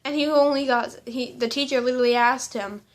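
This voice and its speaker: A woman's voice: high voice, fairly even intonation, a little fast. A teenage girl telling a rambling, indignant story in a casual vlog. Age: teens. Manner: rambling, indignant, with quoted exchanges. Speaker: vlogger.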